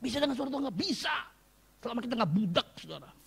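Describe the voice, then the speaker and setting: A man in his fifties preaching from the pulpit with a strikingly high, gravelly voice. His delivery swings from loud, rousing exhortation to quiet, confiding asides as he tells stories. The tone is husky and rough-edged throughout. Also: very animated, rapid-fire. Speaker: pastor. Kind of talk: sermon.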